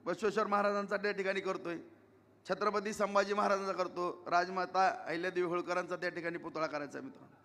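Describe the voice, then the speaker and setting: At an outdoor public rally, a male election candidate delivers an emphatic campaign speech, repeating himself and pleading with the crowd. His voice sits high, pushed and bright, with the sound of a large hall.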